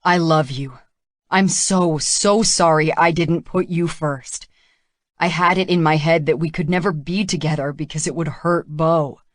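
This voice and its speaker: Woman doing a determined man in love, insistent, forceful, low slow voice, dry sound. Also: steady tone, no room sound. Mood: impassioned.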